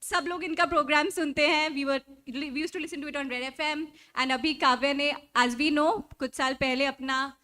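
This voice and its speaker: This North Indian-accented event host introduces panelists on a live stage, gushing effusively and mixing English and Hindi in her enthusiastic presenting. Her high voice is pushed and bright, racing with few pauses and fairly even intonation.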